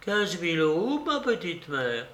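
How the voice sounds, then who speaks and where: A timid, deferential old maidservant, voiced by a male reader, speaks softly in a slightly raised voice. The reading carries a roomy echo. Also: high voice, animated, normal speed, gravelly, pitched above the performer's own voice, full character voice. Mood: meek. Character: old woman servant, deferential.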